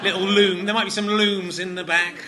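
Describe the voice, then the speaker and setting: A man co-hosting a live comedy podcast on stage, teasing in a deadpan, mock-offended way. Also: high-pitched, fairly quick, noisy background. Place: live stage show before an audience.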